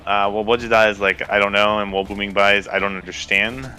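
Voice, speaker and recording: A man's voice: on the low side, flat delivery, a little fast, sharp tone. A man co-hosting a casual gaming podcast, talking in a laid-back, rambling way and laughing often. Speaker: podcast co-host.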